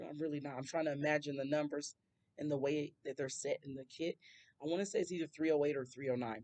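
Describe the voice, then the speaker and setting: Woman, nail tutorial host, hoarse and scratchy today; chatty, rambling voice-over. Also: low voice, darkish tone. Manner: chatty, rambling asides to viewers.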